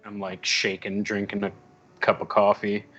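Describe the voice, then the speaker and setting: Low-key man on a muffled mic. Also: completely flat delivery, moderate pace, fairly bright tone, husky. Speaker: player. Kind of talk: tabletop play. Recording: dull lo-fi mic, faint piano.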